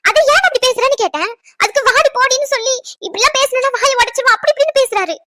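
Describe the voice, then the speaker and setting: A woman voicing an indignant high-voiced young woman, cartoon. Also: expressive, quick pace, pushed and bright, dry recording, clean studio sound, exaggerated voice. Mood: angry. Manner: scolding, scornful. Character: indignant young woman, quick-tempered and sharp-tongued. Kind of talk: cartoon voice acting.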